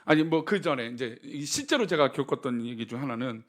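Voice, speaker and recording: A man's voice: medium pitch, animated, fairly quick. A male pastor giving a sermon, telling humorous stories and asking the congregation rhetorical questions. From Seoul.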